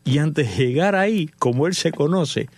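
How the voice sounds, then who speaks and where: A middle-aged man from Cuba, hosting and telling a story in an animated way, acting out the dialogue. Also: a little high, normal speed, breathy edge, no echo. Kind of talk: casual storytelling monologue.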